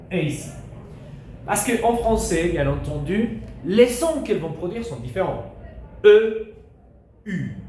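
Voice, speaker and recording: A teacher, a man with a fairly high voice, leads a beginner lesson at an unhurried pace. He repeats each sound with care so pupils can follow. The recording is roomy, with a faint hiss behind it. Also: a little mellow. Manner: slow, careful, repeats vowels for pupils to echo. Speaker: Spanish teacher. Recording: echoey room with faint hiss.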